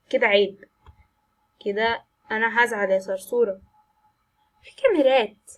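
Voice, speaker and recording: A woman with an Egyptian Arabic accent narrates a horror game as she plays, reacting aloud to every scare. Her voice sits a touch high and has a husky edge. She slips English words into her chatty, jumpy commentary. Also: poor audio. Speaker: gaming channel host.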